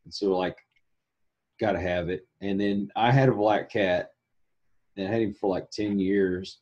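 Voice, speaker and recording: A man chatting casually as an interviewer, informal and animated, acting out his reactions. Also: sits low, a little slow, muffled recording. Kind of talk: casual chat.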